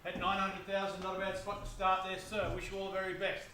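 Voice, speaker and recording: A man's voice: high-pitched, monotone, quick pace, pushed and bright. An Australian man calling a live property auction as auctioneer, coaxing bidders with chatty patter. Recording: echoey, distant, noisy live recording.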